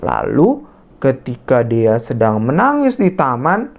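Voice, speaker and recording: Sunday school lady telling a story to little kids, slow and lively, muffled audio. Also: extremely low pitch. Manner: animated, addresses the children directly. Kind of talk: storytelling for small children.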